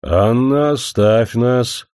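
A man voicing a stern, weary old village grandfather who grumbles in gruff, folksy speech. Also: mid-range voice, lively intonation, unhurried, dark tone, dry recording, studio quality.

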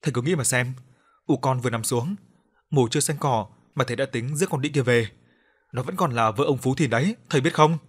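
A man voicing a sharp-tongued young village woman who wails and argues back defiantly in an audiobook. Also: mid-range voice, fairly quick, slightly rough, close to an everyday voice. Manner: wailing, defiant, quarrelsome. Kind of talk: audiobook character voice.

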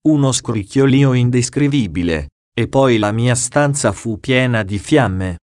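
A man reading a diary aloud as an audiobook, slow, measured and solemn. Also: mid-range voice, expressive, darkish tone, dry recording, clean studio sound. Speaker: audiobook reader.

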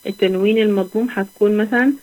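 A young woman with an Egyptian accent teaching a Quran recitation lesson online. She talks patiently, asks questions and answers them herself, and draws out the example words slowly. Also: medium pitch, steady tone, a little mellow, rough recording. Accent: Egyptian Arabic.

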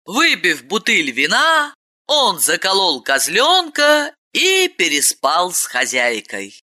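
A woman narrating a story in an expressive, dramatic reading. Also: lowish voice, takes it slowly. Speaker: audiobook narrator. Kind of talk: scripted narration.

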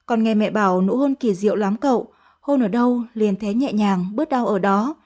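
A woman voicing a flattering teenage maid. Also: mid-range voice, moderate pace, lightly acted. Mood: coaxing. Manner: coaxing, sugary flattery. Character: fawning teenage servant girl, sweet-talking.

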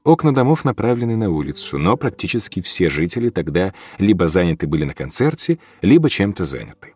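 A man narrating a story in a calm, measured audiobook reading. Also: low-pitched, husky, dry recording. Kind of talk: scripted first-person narration.

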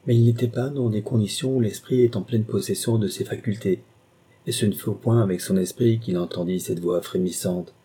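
A man narrating a novel in a measured, literary reading. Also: lowish voice, fairly even intonation, warm tone, breathy edge. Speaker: audiobook narrator. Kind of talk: scripted narration.

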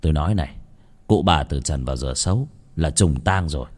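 A man voicing an old male fortune-teller who speaks gravely and ominously. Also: animated, brisk, full character voice. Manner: low, grave, portentous.

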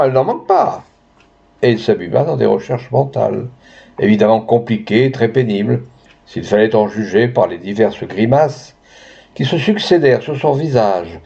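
Husky man reading a tale. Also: medium pitch. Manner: measured, expressive. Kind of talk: reading a literary tale aloud. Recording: dull lo-fi recording.

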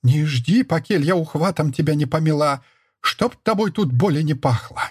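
A man's voice: on the high side, lively intonation, normal speed, husky, no echo, studio quality, pitched above the performer's own voice. A man voicing an old peasant woman, a furious mother-in-law who speaks with a lisp and rustic dialect. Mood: scornful. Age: older. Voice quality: lisping, village dialect speech.

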